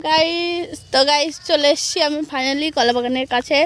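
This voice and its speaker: Hoarse, high-voiced woman vlogging outdoors. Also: moderate pace, background noise. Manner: playful, teasing, mock-complaining. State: hoarse from a cold. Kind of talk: casual vlog chat to viewers. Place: outdoors in open farm fields.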